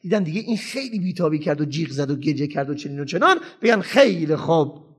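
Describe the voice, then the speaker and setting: A man with a high voice delivers a parenting lecture. His pitch swings widely as he makes his points emphatically and acts out parents and children. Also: expressive, a bit bright, breathy edge. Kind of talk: lively lecture to an audience.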